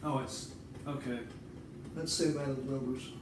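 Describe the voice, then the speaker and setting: Steady in tone, medium in pitch and moderate in pace, this man from the United States, who writes and vlogs, gives a casual, digressive monologue sprinkled with swearing. It's captured on a distant mic in a reverberant space with background noise.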